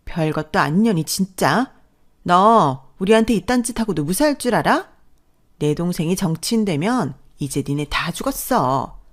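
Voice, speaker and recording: A woman's voice: lowish voice, expressive, moderate pace. Woman doing a sneering sister-in-law. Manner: sneering, loud. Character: arrogant sister-in-law, brash and threatening.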